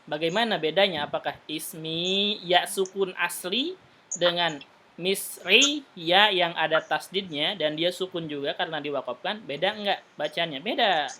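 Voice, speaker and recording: A man teaching an Arabic class, patiently explaining and repeating words slowly for his students. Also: high voice, bright, forceful tone.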